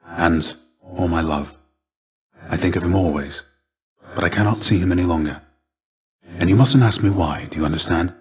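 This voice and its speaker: Man voicing Achilles, a low, melancholy warrior mentor. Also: normal speed, long pauses, lightly acted. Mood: sad, pleading. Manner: soft-spoken, formal, archaic phrasing. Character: gentle, melancholy ancient Greek warrior shade, a loyal mentor. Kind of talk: measured, intimate video game voice acting.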